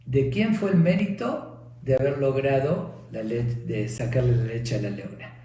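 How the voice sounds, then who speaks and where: Man teaching with a mellow voice. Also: medium pitch, a little slow. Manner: storytelling, with restarts. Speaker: rabbi. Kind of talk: teaching by parable. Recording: echoey room.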